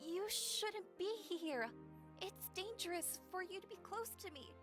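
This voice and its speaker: A frail, feverish young woman near death, put on by a man speaks in a whispered role-play. Her falsetto is very high, weak and breathy, and her words come out slowly, one small breath at a time. Music plays clearly behind her. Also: animated. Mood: faint tender.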